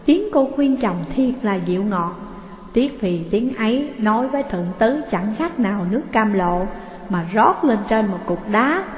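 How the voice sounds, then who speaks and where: A woman reading a story aloud with steady, expressive narration. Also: a little high, normal speed. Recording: echoey room with long reverb.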